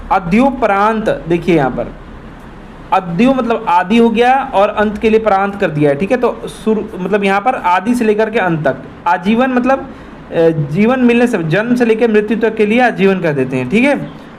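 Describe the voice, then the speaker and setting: High-voiced exam tutor. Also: male voice, expressive, normal speed, slight background noise. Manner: repetitive, addresses viewers as friends. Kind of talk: explanatory quiz walkthrough.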